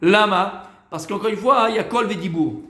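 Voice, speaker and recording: A man's voice: sits high, moderate pace, bright, forceful tone, reverberant. A man teaching Torah to a class in a loose, talkative way, repeating phrases, mixing in Hebrew words, stopping to ask his listeners questions, and sounding tired. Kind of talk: informal Torah lesson with questions from students.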